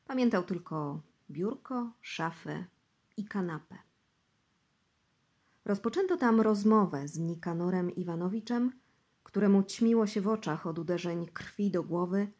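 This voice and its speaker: A woman's voice: mid-range voice, breathy edge. Woman reading an audiobook. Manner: even, measured storytelling. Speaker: audiobook narrator. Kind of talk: audiobook narration.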